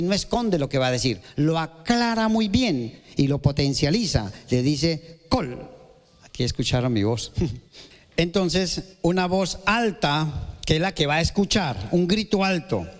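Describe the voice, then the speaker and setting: A Colombian man preaches a sermon to his congregation, his fairly high voice leaping up and down as he throws questions at his listeners. The sound carries a long reverb from the church hall. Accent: Colombian Spanish. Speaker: pastor.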